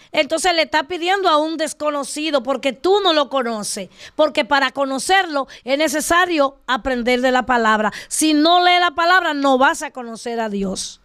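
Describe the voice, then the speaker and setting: High-voiced woman teaching with emphasis. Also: fairly bright tone. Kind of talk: casual faith discussion.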